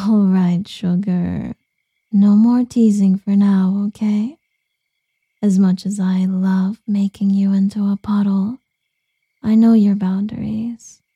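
A woman voicing a seductive, doting female succubus lover in an ASMR roleplay, whispering softly and cooing pet names. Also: medium pitch, creaky, breathy edge, dry recording, dull audio, heavily acted.

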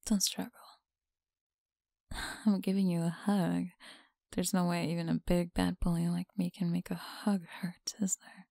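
A woman's voice: fairly low pitch, mellow, no room sound, full character voice. A woman playing a whispering, possessive school bully. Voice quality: breathy whisper. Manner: slow, mocking whisper close to the ear. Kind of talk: ASMR roleplay.

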